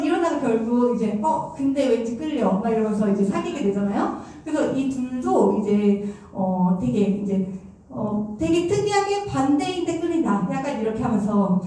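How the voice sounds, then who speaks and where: A woman giving a lively music lecture, telling stories and acting out what people said, with a chatty manner. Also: high voice. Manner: animated, acts out quoted remarks, chatty fillers. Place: large concert hall. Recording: echoey hall, voice from far off.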